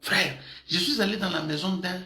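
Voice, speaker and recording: A man preaching an animated sermon as a pastor, lively and often laughing, mixing in African words. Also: high voice, moderate pace, reverberant. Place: church in Madrid.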